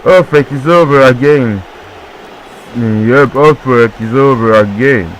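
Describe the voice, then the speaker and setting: A man whose first language is French, doing excitable play-by-play wrestling commentary with jokey asides and repeated calls. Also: mid-range voice, takes it slowly, a little hiss or hum, low-quality recording.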